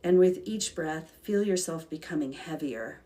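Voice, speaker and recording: Low-pitched woman leading a calm grounding meditation. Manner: calm, soothing, gentle, unhurried with long pauses. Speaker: guided meditation leader.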